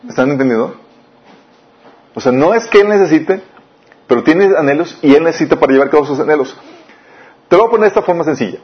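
A man preaching a sermon, often asking the listeners questions and swinging between raised and lowered delivery. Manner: questioning the listeners often, lively rises and drops. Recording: dull lo-fi recording.

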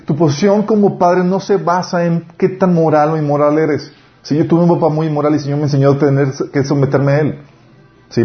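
A man preaching a sermon on parenting, lively, acting out family dialogues. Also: on the high side. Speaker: pastor. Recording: dull lo-fi recording.

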